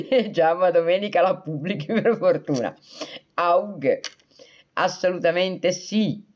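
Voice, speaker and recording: A woman's voice: lowish voice, slow, muffled recording. Chatty, joking woman livestreamer. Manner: chatty and joking, breaking often into laughter; reads out and answers viewer comments. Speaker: livestream host. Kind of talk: casual livestream chat, signing off to viewers.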